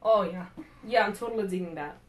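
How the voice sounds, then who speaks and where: A woman's voice: mid-range voice, brisk. A young woman hosting a makeup live stream, chatting playfully with viewers as she works. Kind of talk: casual live-stream chat while doing makeup.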